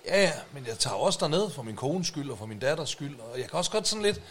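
A man's voice: on the high side, sing-song, fairly bright tone, a little hiss or hum. A man co-hosting a podcast in casual chat, teasing his partner with dry remarks. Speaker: podcast co-host.

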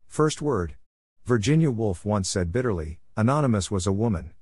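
Editorial reader: man, low voice, measured and formal, dry booth. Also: a little mellow, no room sound. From Philippines. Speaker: opinion column reader. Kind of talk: scripted narration of an editorial.

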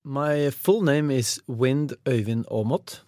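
A man from Norway with a Norwegian accent recounts his past in a hesitant, halting way, often searching for words. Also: medium pitch, a little mellow, no echo, clean studio sound. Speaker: interviewee. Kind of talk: personal account.

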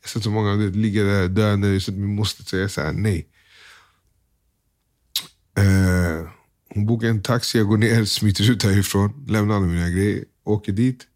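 Being interviewed, a young man quietly and haltingly shares a candid personal story in a fairly low, steady voice. He uses loose everyday slang and acts out what other people said.

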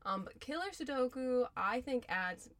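A woman's voice: high voice, lively intonation, normal speed, a crowd in the background. A young adult woman co-hosting a casual podcast, recorded inside a closet. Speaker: podcast co-host.

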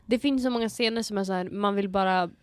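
A woman's voice: mid-range voice, clear, resonant tone, no echo. A young woman co-hosting a podcast, talking in a reflective way and dropping English phrases into her speech. Her voice sits in a mid range. The recording is dry and close. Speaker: podcast co-host. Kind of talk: casual chat.

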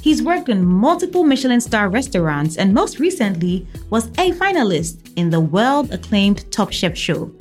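A woman's voice: mid-range voice, sing-song, normal speed, hardly any pauses, a little mellow, soft background music. A woman hosting a podcast, asking chatty, friendly questions. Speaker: podcast host. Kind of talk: interview hosting.

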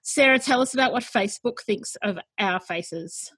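A woman's voice: a little high, normal speed, a bit bright, husky. An Australian-accented woman hosting a podcast in a casual, chatty interview style. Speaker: podcast host.

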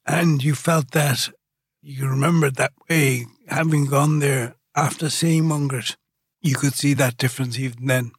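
A man's voice: mid-range voice, fairly even intonation, a little slow, breathy edge, no room sound, clean studio sound. A man with an Irish accent speaking as a podcast host, introducing and interviewing.

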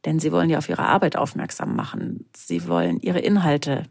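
A podcast co-host explaining a topic in a measured, slightly formal way. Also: medium pitch, very animated, creaky, a little mellow.

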